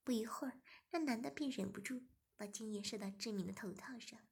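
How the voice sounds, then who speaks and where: A woman narrating an erotic audio story in a soft, half-whispered manner. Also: a little high, fairly quick, gravelly, husky.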